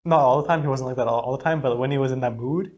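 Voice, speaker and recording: A woman's voice: very deep voice, racing, darkish tone, dull audio, slight background noise. A young woman co-hosting a podcast in casual chat, chiming in with quips and laughing often. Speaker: podcast co-host.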